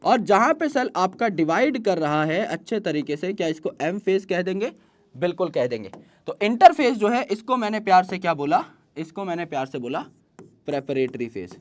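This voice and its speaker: A male teacher explains biology to students in an online class. He keeps asking rhetorical questions and answers them himself, and he slows right down whenever he dictates an English definition. He also brings in homely comparisons from everyday life. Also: high voice, big pitch swings. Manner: mixes English terms into Hindi explanation; uses folksy everyday comparisons.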